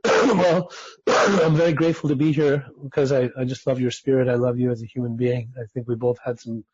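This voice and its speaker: A man's voice: medium pitch, fairly even intonation, a little fast, a little mellow, breathy edge, dull audio. A man whose first languages were Persian and German, raised in Utah, earnestly telling his life story as a podcast guest. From United States (Utah).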